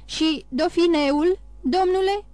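A woman's voice: high voice, animated, a little mellow, no echo. A woman voicing an aging king who is imperious and alarmed, firing commanding questions at his ministers. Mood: anxious.

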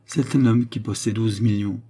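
A man's voice: lowish voice, steady tone, moderate pace, mellow, natural voice. A man doing a sly mocking baronet. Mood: scheming. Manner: smooth, teasing, coldly calculating. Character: scheming mocking male baronet, around thirty. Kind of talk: audiobook character reading.

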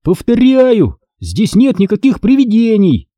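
A man's voice: high voice, big pitch swings, normal speed, warm tone, no room sound, studio quality, pitched above the performer's own voice. A man reading an audiobook who voices an exasperated 12-year-old boy, the older brother, in impatient, scolding outbursts. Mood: angry.

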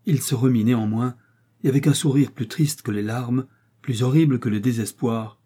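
Give me a man narrating a historical romance in a measured, expressive way. The voice is warm and dark, with a soft husk. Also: mid-range voice, slightly rough. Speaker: audiobook reader. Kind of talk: dramatic novel reading.

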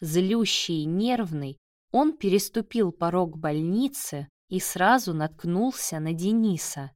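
Woman narrator, measured audiobook read, lower voice, dry. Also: lively intonation, a little mellow, no room sound.

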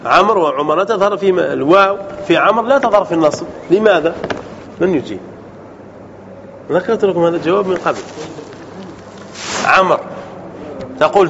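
A man leads a grammar class as a sheikh, pitched fairly high for a man. He keeps stopping to throw quick questions at his students and check that they follow. The recording is muffled and lo-fi, with a faint hiss underneath. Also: fairly bright tone. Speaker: sheikh teaching Arabic grammar. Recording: dull lo-fi sound with faint noise.

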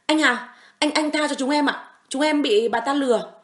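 A crude gang of male thugs in a romance audiobook, put on by a woman narrator, raised in pitch and loud. They jeer cruelly and then grovel, stammering for mercy. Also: big pitch swings, a little fast, echoey room.

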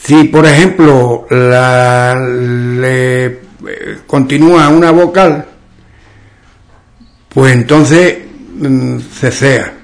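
A man from Ubrique in southern Spain with a western Andalusian accent, explaining local speech in an interview and often pausing to search for examples. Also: mid-range voice, fairly even intonation. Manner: slow and explanatory, often pauses with "¿qué digo yo?". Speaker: author and local dialect expert.

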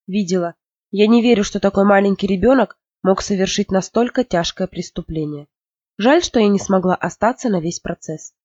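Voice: mid-range voice, moderate pace, darkish tone, no echo, lightly acted. A storyteller voicing a chatty housemaid gossiping with another servant, in a dull, dry recording. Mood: gossipy.

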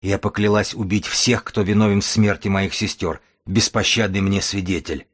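A man's voice: on the low side, steady tone, normal speed, close to an everyday voice. A man reading an audiobook voices a weak young priestess woman, full of hatred and pleading. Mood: hateful.

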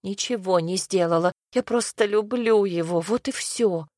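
A woman's voice: mid-range voice, moderate pace, a little mellow, no echo, lightly acted. A woman voicing a distraught young woman who sobs and pleads, in a dry, close reading. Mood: tearful. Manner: sobbing, pleading, snapping.

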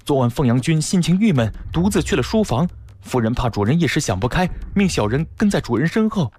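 A man voicing a frightened male servant, pleading his innocence in a higher, strained voice. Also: big pitch swings, a little fast, darkish tone, no room sound. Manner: pleading, frantic, humble.

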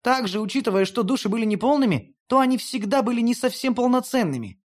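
A reader voicing a proud, haughty female goddess of death in an audiobook, speaking high and pleading. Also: lively intonation, fast talker, close to an everyday voice. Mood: insistent. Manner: lofty, pleading, high-pitched.

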